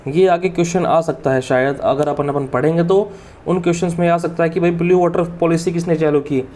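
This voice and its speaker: A man's voice: a little high, steady tone, brisk, a little mellow. A man teaching an exam-prep history lesson in a chatty, informal way, often calling his students "bhai". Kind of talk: informal Hindi lecture.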